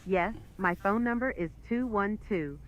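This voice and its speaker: A woman's voice: medium pitch, measured pace, lightly acted. A woman playing a polite hotel guest phoning customer service in a scripted role-play dialogue. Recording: muffled lo-fi playback, clear background noise.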